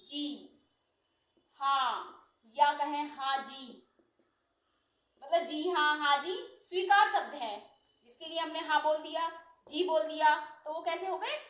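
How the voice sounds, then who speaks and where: A woman teaching Hindi grammar, explaining slowly and repeating each term with examples. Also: high voice, fairly bright tone, roomy sound. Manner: slow, repeating terms and examples. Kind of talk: explanatory lesson.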